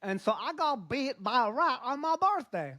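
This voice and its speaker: A man voicing a greedy, easily offended male puppet chef, talking in a deadpan, childlike way in a comic podcast bit. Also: very high voice, moderate pace, dry recording, studio quality, exaggerated voice.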